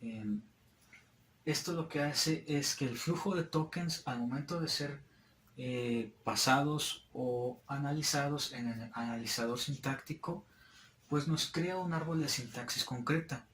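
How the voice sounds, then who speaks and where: A man's voice: on the high side, unhurried, a bit bright, slight background noise. A young man, a student, explaining a topic at a board in a hesitant, filler-heavy way. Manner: hesitant, frequent fillers and restarts. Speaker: student presenter. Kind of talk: classroom explanation at a whiteboard. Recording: echoey room.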